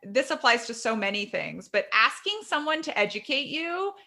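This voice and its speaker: A woman in her thirties speaks candidly in an interview, her voice bright and forceful. She tells her story quickly and with animation, often restarting her sentences. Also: fairly high pitch, big pitch swings. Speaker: guest author. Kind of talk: conversational interview.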